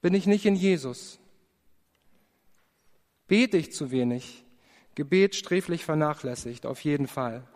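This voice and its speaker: High-voiced man preaching in reverberant hall. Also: lively intonation, a little mellow. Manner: earnest, confessional storytelling with prayerful pauses. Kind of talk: personal testimony in a sermon.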